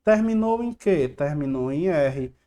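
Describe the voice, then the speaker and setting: A man's voice: fairly high pitch, animated, unhurried, warm tone. A man teaching an online exam-prep grammar lesson, talking over slides. He asks the viewer a question, then answers it himself. He drills catchy rhymes again and again. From Brazil.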